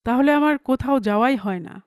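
A woman voicing a proud, touchy middle-aged male poet with a gruff, aggrieved way of talking. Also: high-pitched, brisk, darkish tone, no room sound, clean studio sound, close to an everyday voice.

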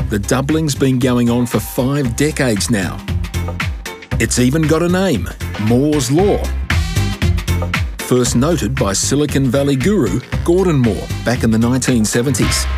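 A man presenting and narrating a science documentary segment in a lively, scripted style. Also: medium pitch. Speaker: science reporter. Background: music.

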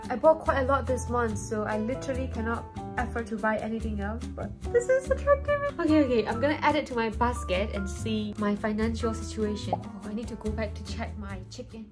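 Animated and brisk, a high-pitched Burmese vlogger in her 20s talks casually to the camera about lifestyle topics, addressing everyone as "guys." The setting is a small, flat indoor room, and background music sits under the voice.

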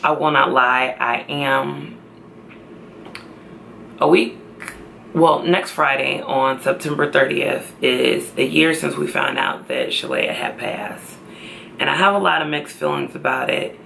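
A tired young woman talking slowly and tearfully to camera in a personal vlog, trying to stay upbeat. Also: rumbling low, lively intonation, vocal fry, a bit bright, a little hiss or hum. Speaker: pregnancy vlogger.

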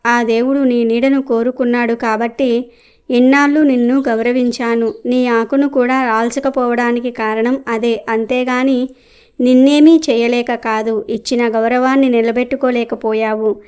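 A woman's voice: on the high side, fairly even intonation, normal speed, darkish tone, smooth, lightly acted. Woman playing an angry wind god. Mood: threatening. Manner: threatening, scornful.

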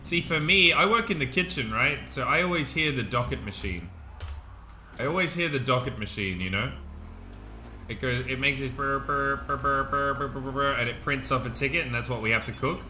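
A young man chatting excitably while commentating his own gameplay, laughing often. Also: mid-range voice, fairly quick, slight background noise. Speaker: gaming streamer.

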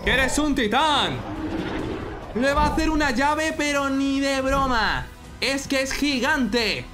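A young man with an accent from Spain, giving excited, exclamatory reaction commentary as an anime fan. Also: very high-pitched, slow, music in the background. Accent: Spanish from Spain. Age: young adult. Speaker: reaction video host.

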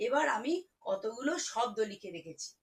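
A woman teaching children to read, spelling words out slowly syllable by syllable. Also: on the high side, lively intonation, rough recording. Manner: slow, syllable-by-syllable spelling, warm teacherly coaxing. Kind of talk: children's reading lesson.

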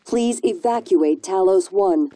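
A woman voicing a calm female space station computer that announces automated warnings. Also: mid-range voice, slow. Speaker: station alarm system.

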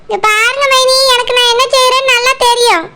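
A woman's voice: extremely high pitch, steady tone, fairly quick, sharp tone. A woman voicing a stubborn, defensive young village woman arguing in a cartoon, with a Tirunelveli Tamil accent. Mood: indignant. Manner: indignant, arguing.

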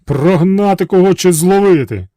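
A booming chorus of magic servants from a storybook tale, as a man puts them on, shouting in unison. Their raised voices are slow and heavy. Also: no echo, studio quality, close to an everyday voice. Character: forty magical servants conjured from a pipe, chorus.

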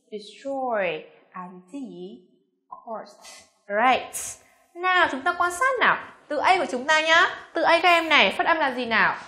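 A young woman with a Vietnamese accent teaching English pronunciation, coaxing and slowly repeating each word with frequent check questions. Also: high-pitched, sharp tone, echoey room. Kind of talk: classroom pronunciation lesson.

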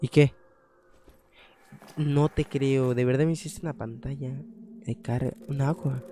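A young man, commentating his own horror game playthrough in a casual way, swearing, thinking aloud and breaking into loud startled outbursts. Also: medium pitch, steady tone, unhurried, a little hiss or hum. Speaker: gaming channel host.

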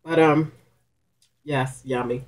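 A woman's voice: deep voice, fairly even intonation, slow. A middle-aged woman hosting a mukbang video, chatting casually and appreciatively between mouthfuls. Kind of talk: casual chat while eating. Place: small curtained room at home, indoors.

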